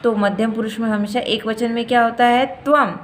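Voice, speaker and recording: A woman teacher giving a grammar lesson, saying each form slowly and repeating it so students can practise. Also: on the high side, steady tone, slight background noise. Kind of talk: grammar lesson explaining and drilling forms.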